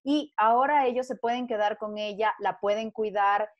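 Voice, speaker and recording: A woman's voice: a little high, moderate pace, muffled recording. A woman from Ecuador, a guest on a panel talk, speaking earnestly and telling a story with frequent restarts.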